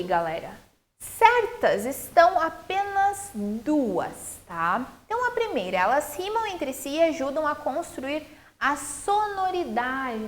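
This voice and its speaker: Lively Brazilian woman teaching children. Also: sits high. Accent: Brazilian Portuguese. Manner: lively, sing-song teacherly explaining to children. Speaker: primary school teacher. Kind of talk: recorded classroom lesson.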